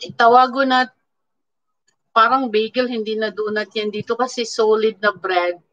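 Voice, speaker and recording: A woman with a Filipino accent chatting casually with live viewers, mixing languages, thanking people by name and pausing on fillers. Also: fairly high pitch, fairly even intonation, a bit bright, lo-fi sound. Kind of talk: casual live-stream chat. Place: indoors at home in Canada.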